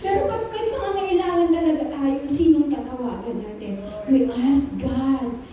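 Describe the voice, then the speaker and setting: A woman pastor with a Filipino accent, preaching an animated sermon in a mix of Tagalog and English. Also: sits high, normal speed. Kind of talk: Taglish sermon. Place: church. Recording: echoey church hall, voice from a distance.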